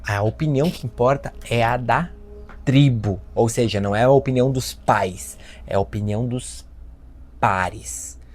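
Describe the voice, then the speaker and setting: A Brazilian man giving a self-help talk, animated, acting out parents and children in his stories. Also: medium pitch, unhurried. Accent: Brazilian Portuguese. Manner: lively storyteller, acts out voices of children and parents. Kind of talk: lecture with acted anecdotes.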